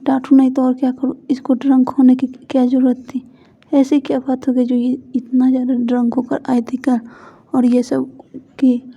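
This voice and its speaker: A woman's voice: high voice, monotone, normal speed, slightly rough. A woman voicing a stern, domineering middle-aged father who scolds harshly, in a dull lo-fi recording. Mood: angry.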